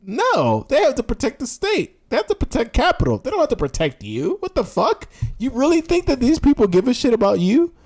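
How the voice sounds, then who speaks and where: A man's voice: very high-pitched, wildly swooping pitch, a little fast, darkish tone. A man livestreaming an unscripted political rant in a sarcastic, scornful exposé manner, emphatic and profane, full of rhetorical questions.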